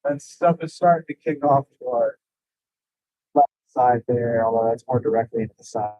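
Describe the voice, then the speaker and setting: A man giving casual live commentary as a storm chaser, in an offhand but excitable way, over a phone stream. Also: medium pitch, moderate pace, no echo. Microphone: phone livestream. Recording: muffled, lo-fi mobile livestream.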